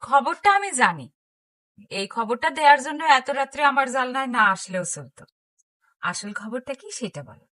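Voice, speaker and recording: An actress playing a quick-witted young village woman who scolds and teases with brisk retorts, in a Bangladeshi Bengali accent. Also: sits high, sing-song, sharp tone, no room sound, heavily acted. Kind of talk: television drama acting.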